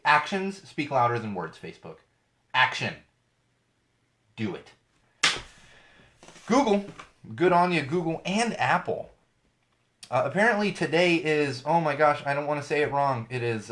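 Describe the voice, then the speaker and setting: Slightly off due to an ear infection, a man's mid-range, somewhat bright voice drives his own podcast. He talks casually on his solo show, ranting about tech and social media with sarcasm and swearing.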